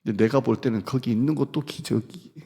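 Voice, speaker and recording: A male pastor with a mid-range, mellow, slightly rough voice speaks fast with some creak, preaching a sermon in a church sanctuary. He leads his congregation through Scripture readings and call-and-response, telling stories in a humorous, conversational way. The recording has the reverberance of a church hall.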